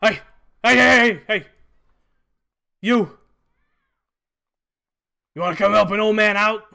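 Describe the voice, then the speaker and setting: A man voicing a gruff, demanding older hobgoblin in a tabletop fantasy game. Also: sits high, slow, voice pushed up, heavily acted. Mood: urgent hailing. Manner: loud, urgent, demanding. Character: gruff, pushy older male hobgoblin hustler.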